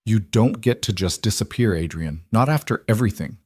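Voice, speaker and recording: A man's voice: on the low side, expressive, brisk, a little mellow, husky, dry recording, clean studio sound. A man voicing a distraught young woman who pleads and argues with a lover, in a dramatic story reading. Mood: heated. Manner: pleading, heated. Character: distraught young woman, fierce, desperate in love.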